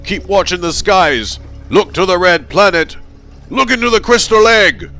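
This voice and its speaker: A man's voice: high voice, expressive, unhurried, bright, forceful tone, soft background music, pitched above the performer's own voice, heavily acted. An actor playing a raving, terrified madman who shrieks frantic pleas.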